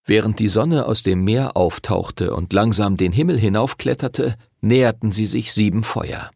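A man narrating a fantasy audiobook in an expressive storytelling manner. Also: on the low side, moderate pace, gravelly, no echo, clean studio sound.

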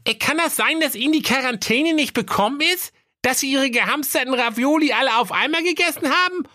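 A woman's voice: sits high, expressive, a little fast, bright, forceful tone, no echo, clean studio sound. A woman voicing a cheeky young fairy-tale maiden in a sassy, mocking way.

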